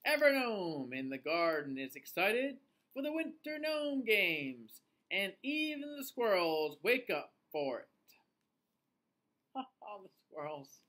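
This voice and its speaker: Animated kids show host, a slow-paced man. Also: high-pitched. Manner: kids show host, sing-song and exaggerated for young children. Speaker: children's storytime reader. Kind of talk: animated picture-book read-aloud. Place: small indoor room, seated facing the camera.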